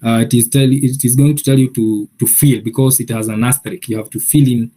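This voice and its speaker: A man giving a software training session, explaining each step patiently with many pauses and filler sounds. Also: mid-range voice, steady tone. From Kenya.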